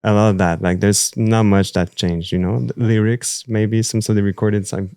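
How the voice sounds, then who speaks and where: A man's voice: on the low side, moderate pace, smooth, no echo, studio quality. Quebec-accented man, chatty and rambling. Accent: Quebec French. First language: French. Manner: rambling, many fillers, animated. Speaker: musician guest. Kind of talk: casual interview chat.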